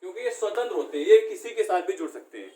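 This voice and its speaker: A man's voice: sits high, very animated, racing, dark tone. A man teaching a classroom lesson, asking questions and answering them himself. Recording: echoey room, far from the mic.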